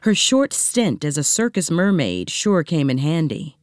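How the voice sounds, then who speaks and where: A woman narrating a children's story in a recording studio, reading gently and expressively. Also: sits low, unhurried, dry recording. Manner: gentle, expressive read-aloud with voiced characters.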